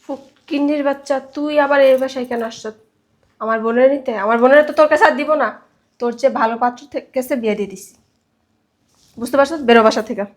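A woman's voice: sits high, quick pace, close to an everyday voice. A young woman playing a rude, spiteful younger sister who hurls insults in a web drama. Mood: contemptuous. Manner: insulting, contemptuous. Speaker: actor. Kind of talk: low-budget web drama acting.

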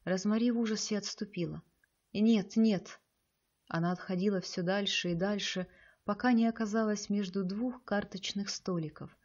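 A woman narrating an audiobook with a measured, expressive reading. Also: mid-range voice, highs cut off.

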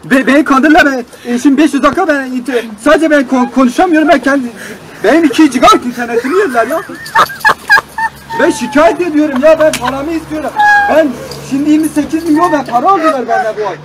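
A young man playing a naive, aggrieved customer on a prank call, halting and repetitive, pleading in broken grammar. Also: very high voice, background noise. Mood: insistent, indignant. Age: young adult.

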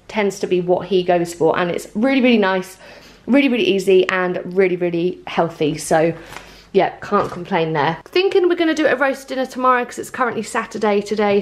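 A woman's voice: mid-range voice, a little hiss or hum. Chatty young woman showing her shopping. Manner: chatty, upbeat, lots of fillers like "um" and "like". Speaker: vlogger showing a grocery haul. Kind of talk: casual chat.

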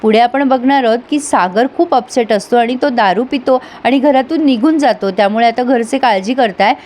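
A woman's voice: fairly high pitch, moderate pace, a little mellow, a little hiss or hum. A woman reviewing a TV serial episode in a casual recap, chatting directly to her viewers.

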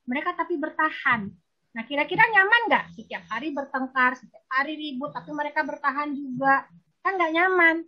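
Bright, high-voiced woman lecturing. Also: a little fast. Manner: lively, teasing, addresses the audience directly. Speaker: marriage counselor. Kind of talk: virtual seminar lecture. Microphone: video call.

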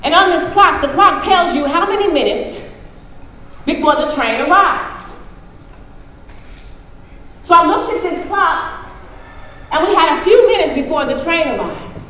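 Speaking to a large conference hall, an American woman delivers a motivational talk built around a story, turning straight to her listeners. Her very high-pitched voice has lively intonation, a measured pace with frequent pauses, a slightly bright quality, and a little hiss or hum. Long reverb echoes through the room.

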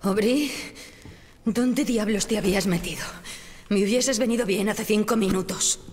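Game role: resolute, sardonic heroine played by a woman, mid-pitched, weary, in a reverberant hall. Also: a little slow, darkish tone, natural voice. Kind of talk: dramatic video game acting. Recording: hall reverb, faint background noise.

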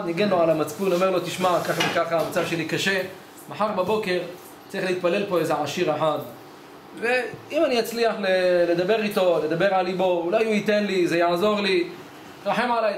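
A man's voice: high voice, slight background noise. A man, a rabbi, giving a storytelling sermon in a study hall and acting out the dialogue of his tale. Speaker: rabbi giving a weekly Torah lesson. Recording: echoey hall with faint ambience.

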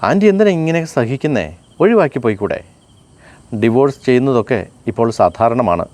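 A man reading aloud and voicing a caring young woman who asks anxious, gentle questions. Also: medium pitch, expressive, fairly quick, close to an everyday voice. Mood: concerned.

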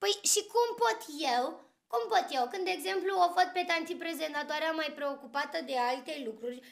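A woman voicing a curious, excitable little girl who hosts a children's podcast, asking eager questions. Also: extremely high pitch, vocal fry. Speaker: podcast host.

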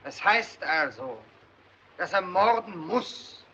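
A man's voice: sits high, lively intonation, takes it slowly, lo-fi sound, a little hiss or hum, full character voice. An actor playing a stern male crime boss presiding over a trial and demanding a death sentence, in 1930s film drama style. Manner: stern, prosecuting, building to shouts.

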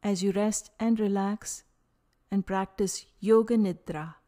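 A woman with a medium-pitched voice leads yoga nidra, her delivery calm and soothing. Long pauses follow each of her short phrases.

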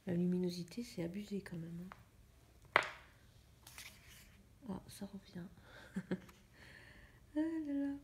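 A young woman chatting in a casual coloring vlog, musing to herself in a soft, often half-whispered voice. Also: fairly low pitch, animated, slow, long pauses, slight background noise. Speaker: vlogger. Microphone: phone camera.

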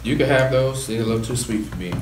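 A man co-hosting a casual food vlog, talking in relaxed, slangy chat. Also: medium pitch, fast. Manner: laid-back, animated, colloquial slang. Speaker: YouTube vlog co-host. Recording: echoey room, faint background noise.

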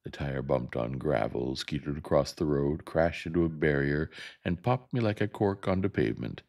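Very deep gravelly-voiced man reading softly. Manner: soft, unhurried reading. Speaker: narrator. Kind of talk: gentle ASMR reading.

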